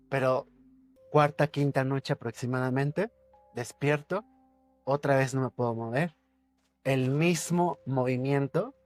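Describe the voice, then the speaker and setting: Man telling a spooky story. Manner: suspenseful storytelling, repeats words for effect, drops his voice low. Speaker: podcast guest. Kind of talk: telling a personal ghost story.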